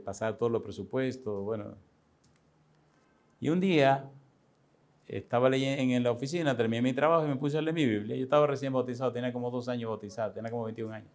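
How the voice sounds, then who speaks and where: A man's voice: mid-range voice, a little mellow. Chatty older male pastor telling a story. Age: 60s. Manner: conversational, addresses listeners directly, chuckles often. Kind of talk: sermon storytelling.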